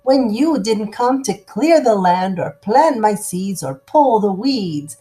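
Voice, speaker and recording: A woman's voice: medium pitch, expressive, slow pace, dark tone, pitched above the performer's own voice. A woman voicing indignant talking garden vegetables in a children's story, scolding firmly and emphatically.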